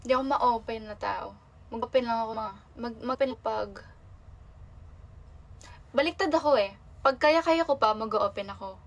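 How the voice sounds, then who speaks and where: A woman's voice: on the high side, normal speed, gravelly, pauses often, low-quality recording. A young woman talking casually on a livestream, rambling and confessional, with many fillers and restarts.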